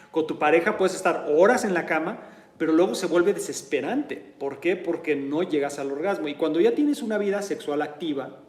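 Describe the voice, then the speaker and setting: A man's voice: a little high, reverberant. A man with a Mexican accent talking candidly in a casual monologue, often checking in with his listener. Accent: Mexican Spanish. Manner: candid, conversational, frequent "¿sí?" check-ins. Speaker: martial arts instructor sharing personal experience.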